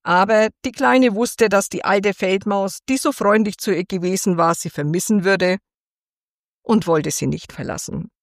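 A woman reading a fairy tale aloud for children in a gentle, expressive storytelling manner. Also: medium pitch, measured pace, dry recording, studio quality.

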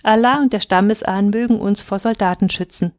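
A woman storyteller telling a tale to children at bedtime, gentle and measured. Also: medium pitch, no echo.

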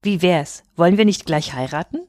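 A woman voicing a filthy, brash young man in a storybook, calling out loudly and excitedly. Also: on the low side, moderate pace, dry recording, studio quality, natural voice. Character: filthy, brash young male lout, eager to marry.

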